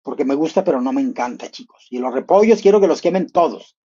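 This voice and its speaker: On a live reaction stream, a man chats at a quick pace in a slightly husky, breathy voice. He's gossipy and playful, thinking aloud and suddenly leaping into high, excited exclamations. The audio is a bit dull and lo-fi.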